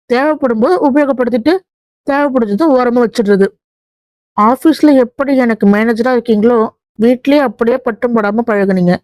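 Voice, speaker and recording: A woman's voice: a little high, darkish tone, no room sound, close to an everyday voice. A woman voicing a hurt young wife who pours out her grievances to her husband in a run of reproachful questions.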